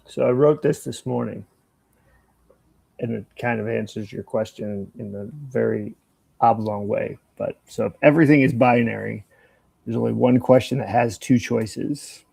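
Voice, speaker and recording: Older guy rambling on a podcast, gravelly husky voice, swears a lot. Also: medium pitch, moderate pace, a little mellow, no echo. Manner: rambling, swears freely, acts out both sides of a story. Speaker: podcast co-host. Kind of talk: casual chat.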